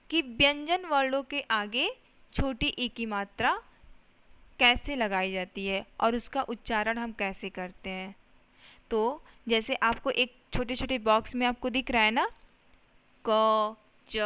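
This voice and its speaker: A woman's voice: on the high side, a bit bright, smooth. A woman teaching a lesson to young children, explaining patiently step by step and often checking that they follow.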